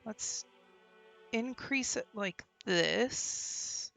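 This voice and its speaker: Faint music plays behind this young woman's home game stream, where she laughs, chats casually, and lets sentences trail off. She sounds a little high and fairly bright, with vocal fry, delivering her expressive talk very slowly into a desk mic while wearing headphones.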